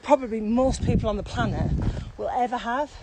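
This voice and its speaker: This co-host's voice is a little high and fairly quick as she asks conversational questions in a relaxed, reflective podcast chat. Walking uphill outdoors through a pine grove in Morocco leaves her slightly breathless. The recording is clearly noisy from being made on the move outside.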